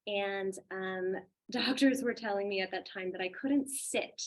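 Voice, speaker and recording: A woman's voice: medium pitch, measured pace. A woman from Germany presenting informally and upbeat as a yoga teacher and webinar host. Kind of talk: casual presenting and personal storytelling.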